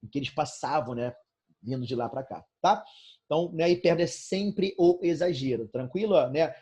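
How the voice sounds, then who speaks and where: A Brazilian man with a somewhat higher, slightly husky voice teaches an online class from his bedroom. He talks loosely and conversationally, tagging nearly every phrase with a quick check-in to his students. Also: warm tone. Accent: Brazilian Portuguese. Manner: casual, fillers like "né, cara?" and "tranquilo?". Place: bedroom at home.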